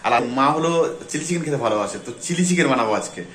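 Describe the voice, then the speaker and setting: A chatty man from West Bengal, India, vlogging his family day at home, talking straight to his viewers. His voice sits a little high. It is caught on a phone in an echoey room with faint noise behind. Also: expressive, fast, fairly bright tone. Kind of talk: casual vlog narration.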